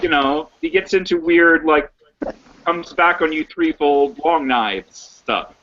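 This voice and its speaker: A man's voice: slow pace, sharp tone, muffled recording. A man playing a tabletop game, joking with the table. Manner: joking, wildly swinging pitch. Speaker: player.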